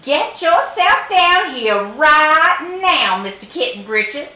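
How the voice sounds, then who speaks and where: A woman's voice: high voice, big pitch swings, slow pace, roomy sound, muffled recording, voice pushed up, exaggerated voice. A woman voicing a stern mother cat from a storybook, lecturing in an exasperated, emphatic way. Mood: scolding.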